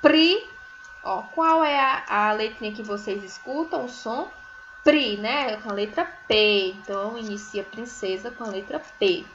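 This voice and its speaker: A woman teaching a recorded first-grade phonics lesson, sounding out syllables slowly and often checking in with tags. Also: mid-range voice, a bit bright, highs cut off, slight background noise. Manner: slow, drawn-out syllables, sounding words out; frequent checking tags like "né?" and "certo?". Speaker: primary school teacher.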